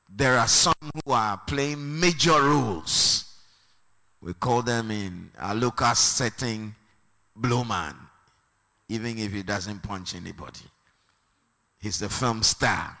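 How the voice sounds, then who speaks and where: A man preaches a sermon in a slow, deliberate way, lifting into a sung cadence at the high points. His voice is bright and ringing. It carries a long reverb from a large hall.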